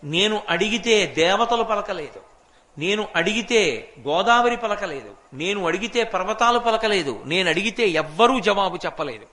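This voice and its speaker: Man doing an angry proud prince, high bright voice, declaiming hard. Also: expressive, normal speed. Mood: indignant. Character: wrathful divine prince, grieving and proud.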